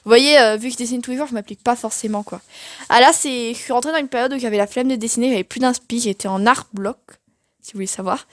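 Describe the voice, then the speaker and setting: A woman's voice: a little high, fast, fairly bright tone, no room sound. A young woman giving a casual, chatty tour of her sketchbook, self-mocking and full of fillers. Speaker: art vlogger.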